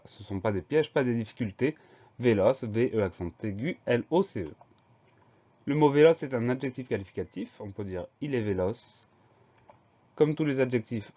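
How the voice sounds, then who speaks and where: A man's voice: on the low side, a little mellow, dull audio. Methodical man teaching spelling. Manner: slow, methodical spelling out letter by letter. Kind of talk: spelling dictation lesson.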